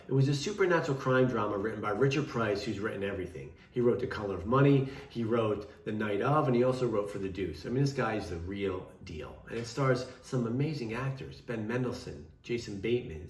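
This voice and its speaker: A man's voice: on the low side, animated, brisk, hardly any pauses. A man hosting a scene review show, giving informal, emphatic, conversational commentary to viewers. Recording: roomy, echoing voice.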